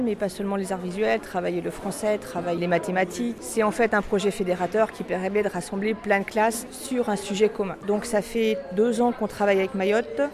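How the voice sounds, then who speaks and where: A woman teacher introducing herself and explaining a school art project on a radio show, listing its points one by one. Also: medium pitch. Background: music.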